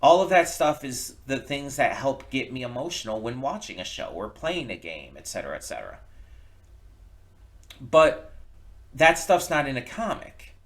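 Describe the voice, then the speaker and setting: A reaction video host offers casual opinions, his speech halting and full of restarts. His medium-pitched voice has a sing-song lilt.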